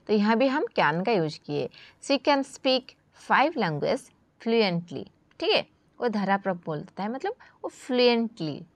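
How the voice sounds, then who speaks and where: A woman teaching an English grammar lesson, addressing her students as children and saying the English examples slowly and with stress. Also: fairly high pitch, dry recording.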